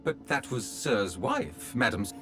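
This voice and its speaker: A man's voice: medium pitch, expressive, measured pace, sharp tone, soft background music. A man voicing a fawning, formal male butler robot in a video game. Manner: obsequious, formal, calls everyone sir.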